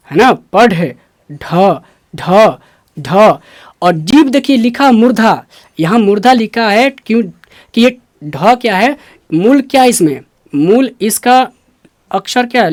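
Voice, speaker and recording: A man with a Bihari Hindi accent teaching a Hindi pronunciation lesson, explaining step by step and repeating sounds slowly. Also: high voice, no echo.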